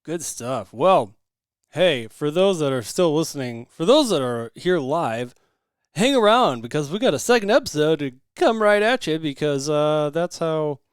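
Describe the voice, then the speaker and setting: A man's voice: on the high side, expressive, unhurried, smooth, no echo, clean studio sound. A man hosting a casual podcast, laughing often and talking loosely with restarts. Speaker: podcast host.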